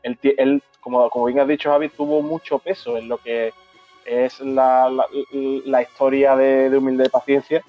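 A man tells an old memory at an unhurried pace, stumbling over and repeating his words. The recording is dull and lo-fi, with faint music underneath. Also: medium pitch, level tone. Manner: halting, repeats words, moved. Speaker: host of a brotherhood talk show. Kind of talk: emotional storytelling in casual chat.

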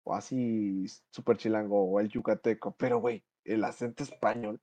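A man's voice: on the low side, steady tone, normal speed, dark tone, highs cut off. A young man with a Mexican accent, co-hosting a podcast in casual chat, slangy and rambling, full of fillers and restarts. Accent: Mexican Spanish. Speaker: podcast co-host.

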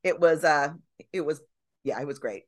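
A woman on a podcast as a guest and dramaturg, telling lively stories about stage and film. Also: deep voice, moderate pace. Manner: animated storyteller, acts out quotes. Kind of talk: casual chat.

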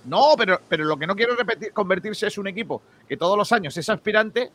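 Bright-voiced man steering a football debate. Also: high voice, lively intonation, quick pace, a little hiss or hum. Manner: insistent, argues back often. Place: studio in Málaga.

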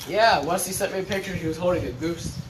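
A man's voice: high voice, fast. A young man co-hosting a casual podcast chat, joking around and laughing often. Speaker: podcast co-host. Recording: noisy podcast recording.

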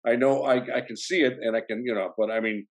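Medium in pitch and fast-talking, this actor guest has a strong Chicago accent from the south side. He rambles through his story in the interview, restarting often and leaning on "you know."

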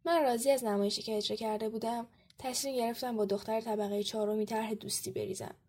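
A woman on a podcast, reading a story aloud with steady first-person narration. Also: a little high, husky. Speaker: podcast co-host.

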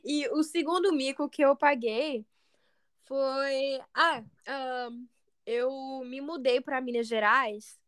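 High-voiced American woman, slow and hesitant. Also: fairly even intonation, a bit bright, clear, resonant tone, dry recording, clean studio sound. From United States. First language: English. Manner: hesitant, searching for words, many restarts. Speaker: co-host. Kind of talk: casual podcast chat.

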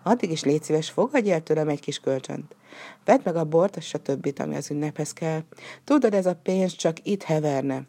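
A woman voicing a wise, kindly old rabbi who speaks calmly and gently in a storybook reading. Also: low voice. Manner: calm, gentle, measured.

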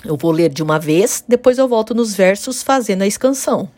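A woman's voice: mid-range voice, expressive, darkish tone, no room sound. Woman teaching poetic meter, dry sound. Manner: clear didactic explaining, slows to sound out syllables. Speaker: literature teacher. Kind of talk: online lesson on poetic meter.

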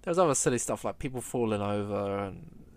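A man co-hosting a casual film chat, opinionated and animated, stumbling over his words. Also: fairly low pitch, fast. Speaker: film podcast co-host.

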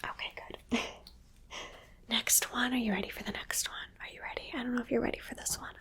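A woman whispering softly into a close microphone, coaxing and praising the listener through an ASMR guessing game. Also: a little high, steady tone, fairly quick, slightly rough. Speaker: ASMR creator. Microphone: close sensitive microphone.

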